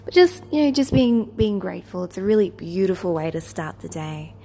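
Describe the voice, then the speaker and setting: Leading a guided meditation, this woman offers soft, repeated instructions in a gentle, soothing, lulling tone. Her pitch is fairly low, and she sounds expressive while moving a little fast.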